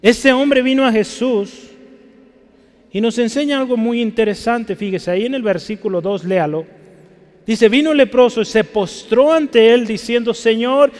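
A man's voice: sits high, darkish tone, in a large hall. A man preaching a sermon, emphatic and pleading, often asking his listeners to look closely and agree. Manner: emphatic, pleading, repeats 'fíjese' and '¿verdad?'.

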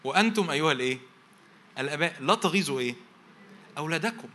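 A pastor with an Egyptian Arabic accent preaches in a fairly high, expressive voice, rapid-fire and sharp in tone, with a little hiss or hum in the background. He stacks phrases into repeated lists and uses rhetorical questions to prompt his congregation to finish each verse.

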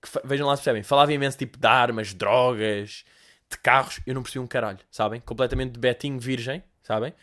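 A young man with a European Portuguese accent, a podcast host telling comic stories in a profane, animated, conversational way. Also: mid-range voice, quick pace. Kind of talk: comedic storytelling.

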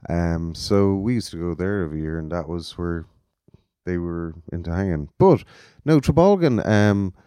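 Middle aged west of ireland guy, lowish soft dark voice, rambly podcast guest chat. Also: fairly even intonation, moderate pace, smooth, no room sound. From Galway, west of Ireland. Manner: rambling, self-interrupting. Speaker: interview guest, festival organiser. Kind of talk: casual podcast interview.

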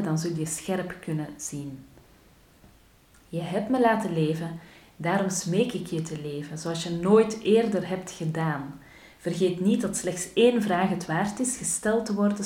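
A woman voicing a trapped male wolf from a storybook, wailing for help and then speaking with slow solemnity. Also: on the low side, dark tone, close to an everyday voice. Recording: roomy echo.

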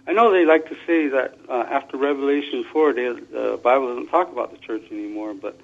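A man's voice: mid-range voice, brisk, vocal fry. A man calling in to a talk show over a phone speaker, speaking earnestly and restarting small phrases as he argues his points. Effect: phone speaker line. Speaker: call-in caller. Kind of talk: call-in talk show chat. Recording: muffled lo-fi phone call.

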